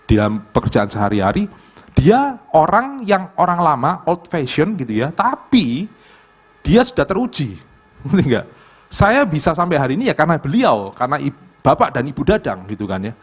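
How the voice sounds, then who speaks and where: Animated East Javanese preacher, man. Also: medium pitch. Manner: animated, conversational, acts out dialogues. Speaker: pastor. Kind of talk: youth sermon. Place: church.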